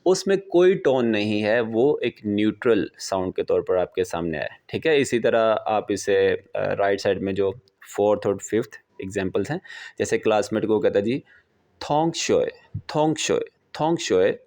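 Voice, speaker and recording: A man teaching a beginner language lesson, explaining patiently and slowly repeating example words. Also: on the low side, darkish tone.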